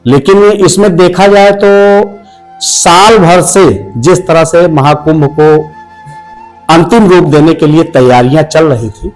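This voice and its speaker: A man from India, a senior journalist, answering an interview in a measured, deliberate way. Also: a little high, soft background music, poor audio.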